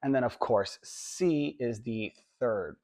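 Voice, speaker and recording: Male teacher, hoarse voice still recovering, casual lecture delivery with frequent tag questions. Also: medium pitch, darkish tone. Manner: conversational, tag questions, drawn-out emphasis. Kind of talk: classroom lecture.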